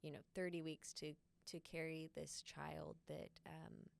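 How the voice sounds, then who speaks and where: A woman co-hosting a ministry podcast, speaking in an earnest, thoughtful way with frequent filler pauses and a gravelly fry. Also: sits low, flat delivery. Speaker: podcast co-host. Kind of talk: casual podcast chat.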